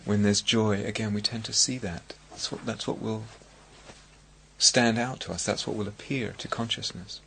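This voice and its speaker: English man, meditation teacher, gravelly low voice, halting reflective talk, faint hiss. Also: fairly even intonation, sharp tone. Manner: reflective, halting with many restarts and fillers. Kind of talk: dharma talk. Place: meditation hall at a retreat centre.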